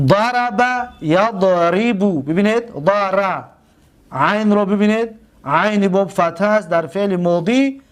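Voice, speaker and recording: A man teaching an Arabic grammar lesson. He asks the class questions and answers them himself, and he draws out and repeats example words slowly. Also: sits high. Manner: slow drawn-out repetition of example words.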